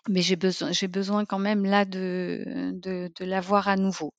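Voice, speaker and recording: Woman answering interview questions, mid pitch, thoughtful and halting, lots of euhs, dry close sound. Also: little pitch movement, no echo, muffled recording. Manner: halting, thoughtful, frequent fillers. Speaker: program client giving a testimonial.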